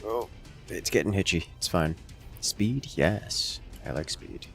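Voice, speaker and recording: A man's voice: low-pitched, expressive, slow pace, a bit bright, faint music behind. A man playing a game with friends, giving dry, matter-of-fact callouts. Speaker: co-player. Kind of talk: casual gaming chat.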